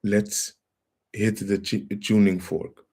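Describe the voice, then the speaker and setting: A man hosting a casual livestream lecture, reading out viewer comments and calling his listeners fam, with a halting delivery full of trailing phrases. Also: on the low side, flat delivery, vocal fry, heavy background noise. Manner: reads out viewer comments and greets the chat; calls listeners fam and family. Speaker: livestream host.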